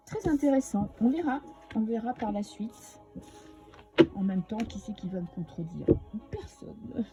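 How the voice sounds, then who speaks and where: A woman's voice: mid-range voice, warm tone. A woman with a French accent giving a casual, chatty tarot reading to her viewers, with many fillers and restarts. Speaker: tarot reader.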